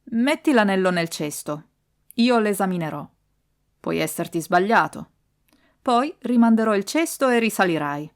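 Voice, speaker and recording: A woman's voice: mid-range voice, lively intonation, moderate pace, natural voice. A woman playing a cold, scheming thief. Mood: commanding. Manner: commanding.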